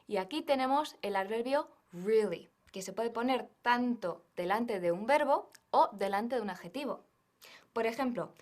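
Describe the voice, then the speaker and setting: Female English teacher, slightly high voice, slow scripted lesson delivery. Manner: slow, careful, models English phrases.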